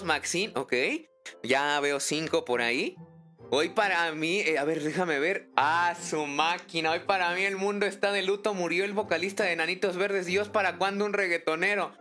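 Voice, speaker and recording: Bright-voiced excitable streamer man. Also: sits high, moderate pace, faint music behind. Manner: chatty, excitable, thinks aloud, greets chat by name. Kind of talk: casual live-stream chat while gaming.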